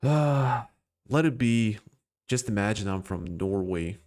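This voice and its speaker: Answering chat on his casual crypto stream, this non-native English speaker jokes around, rambles, laughs, and restarts his sentences. His voice sits on the low side, slightly mellow, animated, at a measured pace.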